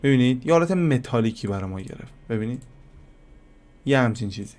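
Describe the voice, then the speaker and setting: A man with a plain, mid-range voice teaches a software lesson over a screen recording. He talks casually, calls his viewers kids, and thinks out loud as he clicks, pausing to find simple ways to explain things. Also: mid-range voice, lively intonation. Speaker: software tutorial instructor.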